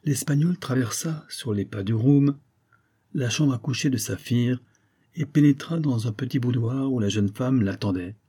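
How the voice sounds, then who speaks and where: A man narrating a 19th-century novel aloud in a measured, steady reading. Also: mid-range voice, slightly rough. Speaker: audiobook narrator.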